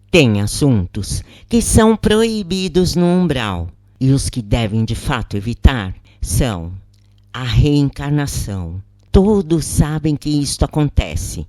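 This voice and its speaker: Reading from a script, a Brazilian-accented narrator recounts a first-person spiritual experience deliberately, leaving short pauses between phrases. The mid-range voice sounds mellow, and the clean studio recording has no room sound.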